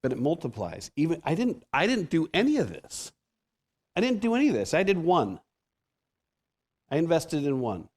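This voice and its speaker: In a church sanctuary, a guest preacher in his fifties with a Pacific Northwest American accent gives a conversational sermon. His slightly high, darkish voice swoops wildly in pitch at a normal speed, broken by long pauses. He often restarts sentences and jokes at his own expense.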